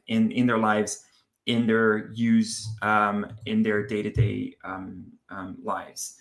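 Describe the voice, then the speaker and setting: A man from Brazil giving a conference talk to teachers, pausing often with ums and restarting his sentences. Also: medium pitch, a bit bright. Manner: hesitant, with many ums and restarts. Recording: roomy echo.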